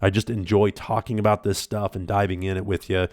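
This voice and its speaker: A man's voice: lowish voice, level tone, quick pace, a little mellow, no room sound, clean studio sound. A man hosting his own podcast, talking through a book in an earnest, rambling way with lots of fillers and restarts. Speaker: podcast host. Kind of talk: reflective solo book talk.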